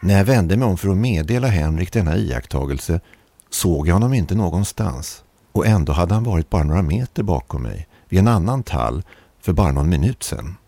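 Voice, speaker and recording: A man reading an eerie first-person story aloud in a measured, calm narrating manner. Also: low-pitched, no echo.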